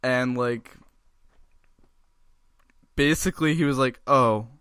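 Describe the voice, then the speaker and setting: A man's voice: mid-range voice, animated, normal speed, fairly bright tone, no room sound, clean studio sound. A man co-hosting a casual podcast, rambling with lots of filler words and swearing. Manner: rambling with many likes, swearing. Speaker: podcast co-host.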